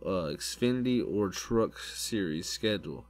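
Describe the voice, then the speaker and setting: Man, podcast host, low voice, rambling, casual chat. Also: expressive, a little slow. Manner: rambling, restarts his sentences often.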